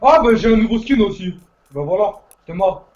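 A man's voice: high-pitched, animated, normal speed, darkish tone, highs cut off. A young man chatting casually and bluntly in slang while gaming. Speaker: gamer. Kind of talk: casual chat over a video game.

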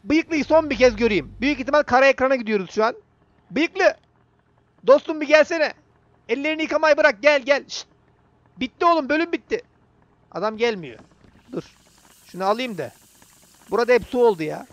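High-pitched young man narrating gameplay. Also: lively intonation, a little fast, pauses often, a bit bright, no echo. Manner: chatty, talks to the game character and viewers. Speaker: gaming YouTuber. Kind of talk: casual gameplay commentary.

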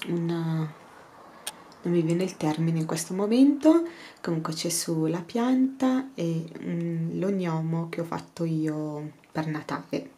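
A woman in her thirties giving a casual, chatty tour of her daughter's bedroom, filling pauses with hesitations. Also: on the low side, mellow. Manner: chatty, hesitant with many fillers. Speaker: home cleaning vlogger. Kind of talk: casual room tour narration. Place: child's bedroom at home.

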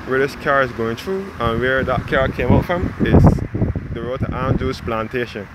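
A man's voice: medium pitch, moderate pace. A man from Barbados giving a loose, conversational walking-tour narration outdoors as a travel vlogger, talking to his viewers as guys. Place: outdoors on a rural roadside. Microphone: handheld camera mic, speaker off screen. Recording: loud outdoor noise and passing traffic. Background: passing cars and outdoor ambience.

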